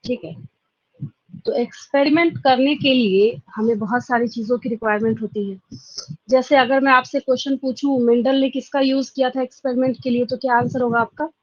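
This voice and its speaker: A woman's voice: high voice, steady tone, a little fast, no echo, dull audio. A woman with an Indian accent giving an exam-prep biology lecture. She asks questions aloud, answers them herself and repeats the key points. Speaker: biology teacher.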